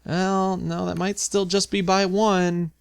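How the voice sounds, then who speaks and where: A man's voice: sits high, little pitch movement, takes it slowly, gravelly, smooth, dry recording, studio quality. A man giving casual, chatty video game commentary, thinking aloud with playful mock indignation as he hosts. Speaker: video game let's play host.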